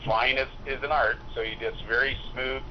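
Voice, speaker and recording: A middle-aged man speaks through a speakerphone, his voice muffled and lo-fi with a constant noise bed under it. He explains things calmly and stops often to think. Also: medium pitch, normal speed. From Utah, USA. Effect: heard over a speakerphone. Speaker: airline pilot, guest. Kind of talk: casual phone interview.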